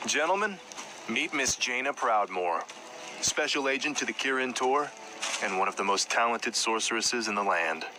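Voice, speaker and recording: A man's voice: medium pitch, lively intonation, normal speed, background noise, lightly acted. A man voicing a confident, easygoing young warrior prince in a fantasy game cutscene, commanding yet friendly.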